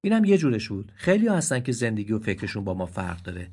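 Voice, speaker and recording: A man voicing a kind, gentle old donkey in a read-aloud story, speaking in a soothing, coaxing way with a husky tone. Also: lowish voice, very animated, full character voice.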